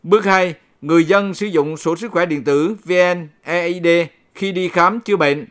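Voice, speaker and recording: Formal male radio announcer, slightly high voice. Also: a bit bright, smooth. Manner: formal, measured read-aloud delivery. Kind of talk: formal scripted public-information announcement read aloud.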